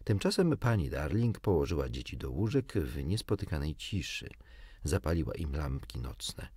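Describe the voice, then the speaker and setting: Man narrating an audiobook: low, husky, very lively delivery, dry sound. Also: moderate pace, no room sound. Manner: expressive, dramatic reading. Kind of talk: scripted storybook narration.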